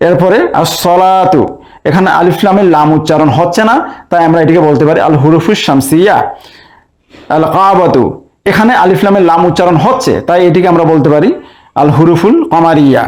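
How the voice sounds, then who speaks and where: A man's voice: fairly high pitch, quick pace, darkish tone. A man teaching a recorded language lesson, going through each example methodically and repeating the same explanation, with some hesitations. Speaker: Arabic teacher.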